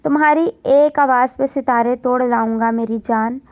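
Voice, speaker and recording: A woman's voice: a little high, fairly even intonation, moderate pace, dry recording, close to an everyday voice. A woman voicing a loving, emotional young husband in a spoken story, with a tender, pleading manner.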